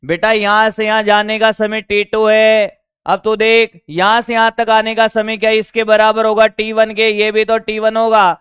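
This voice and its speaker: A male physics teacher, lecturing online at a board, his voice hoarse from shouting, coaxing students and checking whether they follow. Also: high voice, completely flat delivery, moderate pace, no room sound, studio quality, soft background music. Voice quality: strained, worn voice. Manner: coaxing, keeps asking if students got it.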